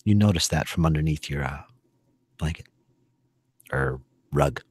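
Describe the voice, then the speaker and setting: A man narrating a one-on-one tabletop game as game master, in a loose, halting way with many fillers. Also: a bass voice, a little mellow, breathy edge, dry recording.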